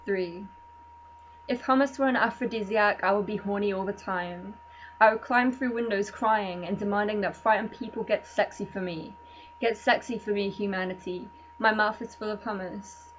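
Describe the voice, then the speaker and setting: A woman performing her own spoken word poetry in a measured, deadpan delivery. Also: mid-range voice. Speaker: poet. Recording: muffled lo-fi recording with faint hum.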